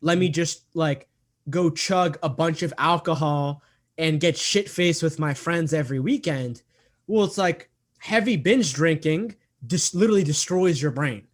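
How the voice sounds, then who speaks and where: This is a fairly high-pitched man in his twenties, speaking at a measured pace during a casual interview. He's earnest, repeats himself a lot, and fills pauses with "um" and "like".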